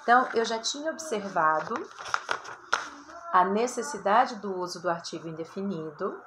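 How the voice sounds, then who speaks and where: A Brazilian woman teacher giving a recorded writing lesson, talking straight to her students in a chatty, lively way. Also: medium pitch, normal speed, background noise. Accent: Brazilian Portuguese. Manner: chatty, addresses students directly, lots of "tá?" and "ó".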